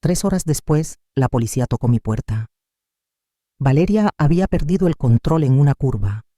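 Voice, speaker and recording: A man narrating a family drama in the first person, in a measured, dramatic storytelling manner. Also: fairly high pitch, expressive, dark tone, dry recording, clean studio sound.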